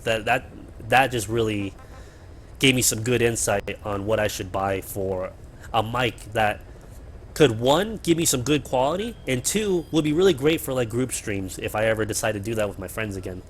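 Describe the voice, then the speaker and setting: A man's voice: on the low side, expressive, normal speed, a little hiss or hum. A man hosting a gaming livestream from his apartment, chatting casually and rambling with fillers and the odd swear word, his cheap mic close to his mouth. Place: home apartment.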